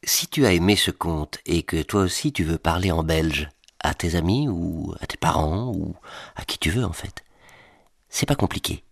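A man's voice: deep voice, moderate pace, creaky, breathy edge. A man, explaining words to children with playful, mock-serious asides. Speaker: comic presenter.

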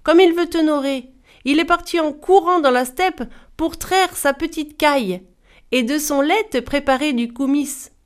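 A woman's voice: high voice, animated, normal speed. A woman voicing Karachash, a clever young wife who answers with sly, playful mock-respect.

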